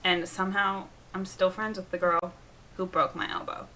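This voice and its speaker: Bright-voiced young woman telling stories. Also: fairly low pitch, moderate pace. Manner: lively, lots of "like", laughing through stories. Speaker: co-host, sister. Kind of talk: casual storytelling chat.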